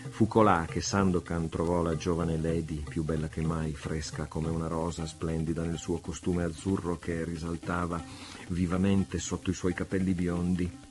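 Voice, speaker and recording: Male audiobook narrator, low steady voice, faint music underneath. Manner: measured, dramatic reading. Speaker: audiobook reader.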